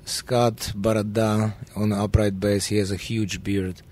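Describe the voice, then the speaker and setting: Man, Russian accent, fairly low pitch, dry joking tone, radio guest. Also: measured pace. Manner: joking, deadpan self-mockery. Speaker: musician guest. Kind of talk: casual radio interview.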